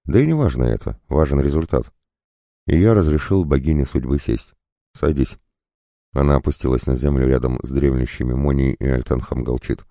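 Deep dark guy narrating a fantasy audiobook, calm steady read, dead dry sound. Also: fairly quick, no room sound. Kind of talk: first-person audiobook narration.

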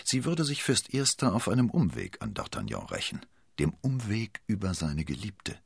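A male storyteller with a very low, husky voice and a lively, rolling intonation. He narrates a scripted tale dramatically, recorded dry and close. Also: normal speed, dry recording.

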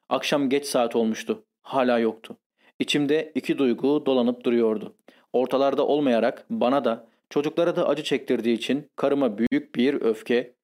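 A man reading a first-person literary confession as an audiobook, in a measured, grave and intense manner. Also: mid-range voice, a little mellow. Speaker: audiobook narrator.

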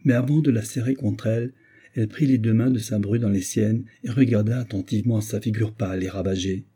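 A man narrating a classic novel as an audiobook in a measured, even way. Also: on the low side, breathy edge.

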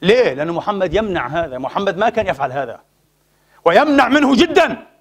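A man delivers a sermon in a high voice, full of passion. He speaks quickly and keeps pressing his listeners with pointed rhetorical questions. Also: sing-song. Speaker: preacher.

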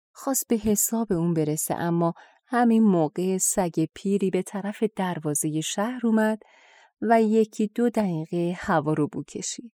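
Steady, gentle female audiobook reader for folk tales; mellow tone, dry booth sound. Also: lowish voice, dry recording. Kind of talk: scripted storybook narration.

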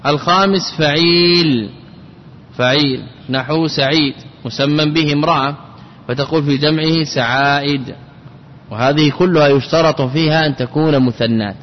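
A man's voice: a little high, lo-fi sound, a little hiss or hum. Man teaching grammar in an echoey hall. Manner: repeats forms slowly, checks students with questions. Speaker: sheikh teaching Arabic grammar. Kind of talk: classroom grammar lesson.

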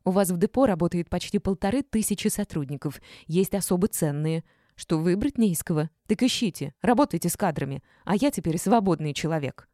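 A woman's voice: lowish voice, lively intonation, brisk, warm tone, dry recording, studio quality, lightly acted. A curt, unbothered young woman clerk, read by a woman. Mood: defiant.

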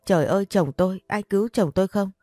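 A woman's voice: mid-range voice, fast, warm tone, dry recording, clean studio sound, close to an everyday voice. Woman reading as a frightened young wife. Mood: desperate.

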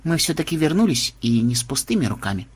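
A man's voice: medium pitch, sing-song, quick pace, breathy edge, no room sound. A man voicing a cunning, bossy young woman rogue in a storybook, speaking curtly and wryly. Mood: sour, preachy. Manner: curt, commanding, wry.

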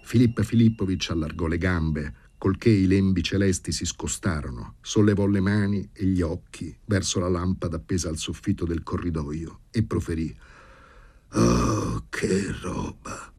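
A man reading a novel aloud for radio in a measured, dramatic way. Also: sits low, dark tone, breathy edge. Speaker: audiobook reader.

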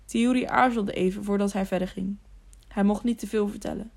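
A woman narrating an audiobook with calm, steady storybook narration. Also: medium pitch, brisk, vocal fry.

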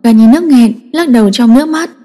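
Mellow-voiced woman reading a story. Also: on the high side, fairly quick. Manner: steady, emotive reading. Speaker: narrator. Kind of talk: scripted story narration. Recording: long echoing reverb.

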